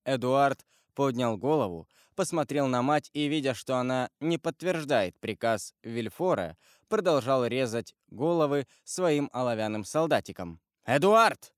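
A man narrating a classic novel in a measured, dramatic storytelling manner. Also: medium pitch, lively intonation, clear, resonant tone, no echo, studio quality. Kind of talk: reading a classic novel aloud.

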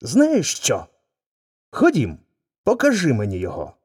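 A man's voice: fairly high pitch, wildly swooping pitch, measured pace, a little mellow, husky, voice pushed up, heavily acted. A man voicing an eager, fawning male wolf in a folk tale reading. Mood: eager, curious.

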